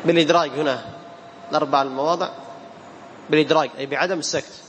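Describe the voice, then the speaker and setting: A man with a high voice teaches Quran recitation, patiently questioning his students and chanting verses in a slow, drawn-out way. His voice rings with a long hall reverb, and a faint room noise sits behind it. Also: fairly even intonation, fairly bright tone. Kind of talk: classroom tajweed lesson.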